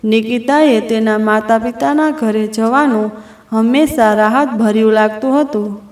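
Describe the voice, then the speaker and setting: A woman narrating a family story in a steady, expressive scripted style. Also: on the high side, unhurried. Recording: roomy echo.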